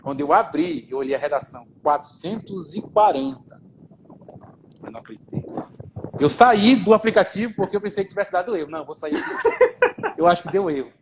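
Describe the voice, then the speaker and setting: A man's voice: high-pitched, big pitch swings, fairly quick, a little hiss or hum, poor audio. A man with a Brazilian accent telling his story in a casual live interview, informal and swearing as he goes, often repeating himself. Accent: Brazilian Portuguese. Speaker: guest.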